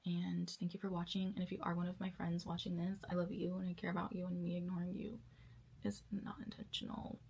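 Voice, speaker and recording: A worn-out young woman speaks in a candid, casual vlog, her voice low-set with a gravelly fry and a husky edge. She talks in a loose, chatty way and now and then sinks into a near-whisper. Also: level tone. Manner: chatty, drawn-out and weary, drifting into soft whispers. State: tired. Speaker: vlogger and actress.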